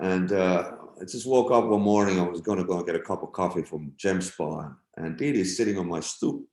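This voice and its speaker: Middle-aged man, low gravelly voice, laid-back, swearing, acting out quotes, roomy echo. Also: darkish tone. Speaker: guest musician. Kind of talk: casual interview storytelling.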